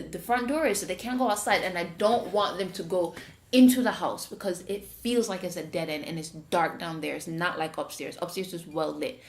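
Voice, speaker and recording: A woman with a Jamaican accent hosting a podcast, telling a story in casual chat and acting out the voices. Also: on the low side. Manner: animated, acts out voices when retelling. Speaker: podcast host. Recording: roomy echo.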